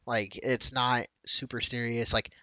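A man's voice: mid-range voice, flat delivery, a little slow, bright, forceful tone, no room sound. A man co-hosting a podcast, listening and chiming in with short, dry remarks in casual chat. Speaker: podcast co-host.

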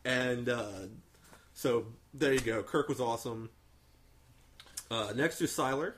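Taking it slowly, a man with a mid-range, slightly bright voice hosts a profane, casual film discussion, telling stories with eager emphasis and acted-out quotes. A little hiss or hum sits under the recording.

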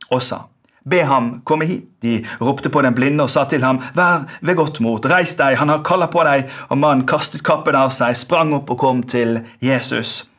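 A man with a Norwegian accent preaching a sermon as pastor, in a measured way that trails off softly at the ends of phrases. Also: medium pitch.

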